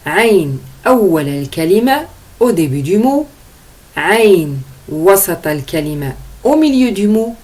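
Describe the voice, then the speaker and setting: A woman teaching Arabic letters slowly, sounding out each vowel and explaining in French. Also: fairly low pitch, sing-song, darkish tone. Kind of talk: slow letter-by-letter pronunciation lesson.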